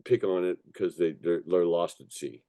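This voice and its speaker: A man's voice: low-pitched, normal speed, mellow. A man who is a musician, talking casually in an interview in a rambling storytelling way, sweary and emphatic, often checking that the listener follows. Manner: sweary, emphatic, repeatedly checks listener with "you know" and "right". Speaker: musician, songwriter and record producer being interviewed.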